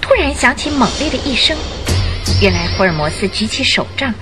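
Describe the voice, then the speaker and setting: A woman with a slightly high, slightly quick voice narrates a radio detective drama, telling the story with expressive, suspenseful drama as music plays beneath her.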